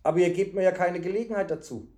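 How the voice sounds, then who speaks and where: A young messenger speaks calmly and earnestly in a storybook tale, voiced by a man reading aloud. He stays steady under pressure. The voice is slightly high. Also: fast, lightly acted. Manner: calm, earnest. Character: young male messenger, calm and honest.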